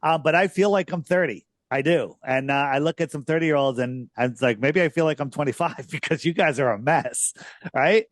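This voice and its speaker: A man's voice: fairly high pitch, no room sound, clean studio sound. A man in his sixties hosting a podcast in casual, emphatic conversation. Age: 60s. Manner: emphatic and conversational, drawn-out stresses. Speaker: podcast host.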